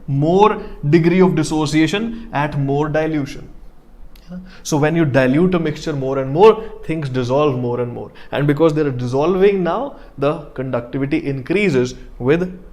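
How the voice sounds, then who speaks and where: A man's voice: fairly high pitch, moderate pace, a little mellow. A man with a North Indian accent giving a live lecture as an online teacher, explaining step by step and repeating key phrases with Hindi check-in tags.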